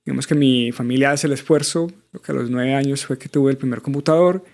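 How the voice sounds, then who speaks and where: A man in his thirties from Bogotá, Colombia, is interviewed as a guest in a relaxed, conversational format. His voice is medium-pitched, gravelly, and darkish in tone, his pace brisk, and he answers with care, using plenty of small fillers.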